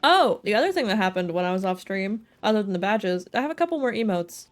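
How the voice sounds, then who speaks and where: Livestreaming a video game, a woman chats casually with her viewers and tosses in playful, jokey asides. Her medium-pitched voice swings widely in pitch and moves fast, with game music playing under it.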